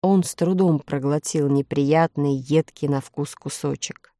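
A woman reading a children's story aloud, expressive and rising with excitement. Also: sits low, measured pace, dry recording, clean studio sound. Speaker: narrator.

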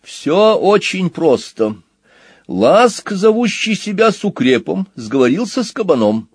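A man voicing a talking machine that only tells the truth, speaking calmly, formally and matter-of-factly, in a storybook reading. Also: high voice, slow pace, slightly rough, no echo, studio quality, pitched above the performer's own voice, exaggerated voice. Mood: explaining. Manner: calm, matter-of-fact, formal. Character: talking truth-telling machine box, calm and precise.

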